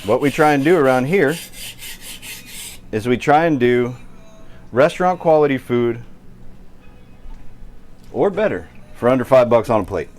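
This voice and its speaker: A man's voice: medium pitch, lively intonation, unhurried, pauses often, darkish tone, faint music behind. An American man hosting a casual cooking livestream, chatty and joking as he answers viewers while he works in his kitchen. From United States. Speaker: cooking show host.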